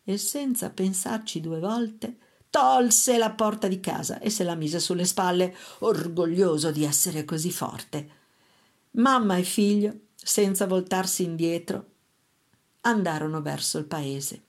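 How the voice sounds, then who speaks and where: Woman storyteller, storybook narration, very slow and gentle. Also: lowish voice.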